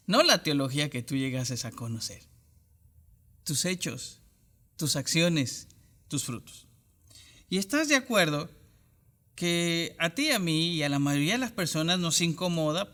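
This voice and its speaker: Pastor guy giving an online sermon, pretty high voice, punchy and direct, repeats his phrases. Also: a bit bright. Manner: emphatic preaching with repeated parallel phrases and direct address.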